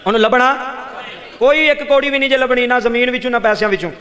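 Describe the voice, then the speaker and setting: A man's voice: very high-pitched, quick pace, pushed and bright, long reverb tail, pitched above the performer's own voice. A man with a Pakistani Punjabi accent voicing a devoted youngest son who speaks earnestly in a sermon story.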